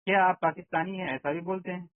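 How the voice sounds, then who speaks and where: A man with a high, steady-toned voice teaches an online Arabic language lesson, explaining carefully in steps and repeatedly confirming students understand. The tinny call audio is dry, with no room sound.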